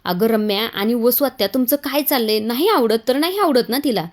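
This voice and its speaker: A woman puts on a young man from a family serial who defends a guest, exasperated and a little raised in pitch. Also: animated, brisk, close to an everyday voice.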